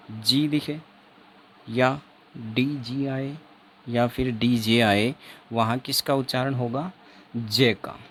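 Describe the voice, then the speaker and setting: A man teaching phonetics for an exam, slowly repeating each word and quizzing his viewers. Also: mid-range voice, a bit bright, slight background noise. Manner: slow, repeats words over and over, quizzes the viewer. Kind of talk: exam-prep phonetics lesson.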